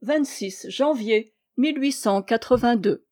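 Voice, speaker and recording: A woman narrating a classic short story aloud, expressive and dramatic in her reading. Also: a little high, measured pace. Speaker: audiobook reader. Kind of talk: literary audiobook narration.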